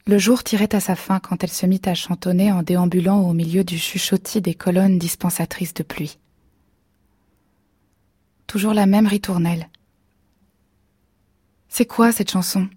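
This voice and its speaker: Hushed female storyteller for a whispered story reading, very breathy, mellow tone. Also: fairly low pitch, steady tone, no echo, clean studio sound. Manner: soft, slow, hushed. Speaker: narrator.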